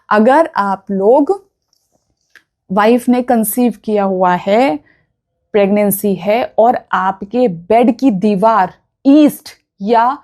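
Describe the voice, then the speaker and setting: A woman's voice: mid-range voice, warm tone. A woman vastu consultant giving earnest, instructive advice straight to her viewers, often checking that they follow. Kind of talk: direct-to-camera advice talk.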